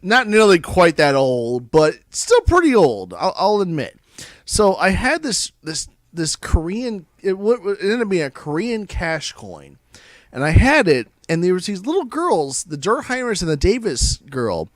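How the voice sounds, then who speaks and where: A man's voice: sits high, sing-song, unhurried, no room sound. An American man telling a casual, rambling story to friends while drunk, swearing and repeating himself as he goes. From Indiana, United States.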